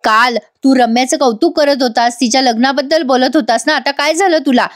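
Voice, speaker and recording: A woman's voice: sits high, brisk, natural voice. A woman voicing a domineering, angry middle-aged aunt who scolds and makes demands.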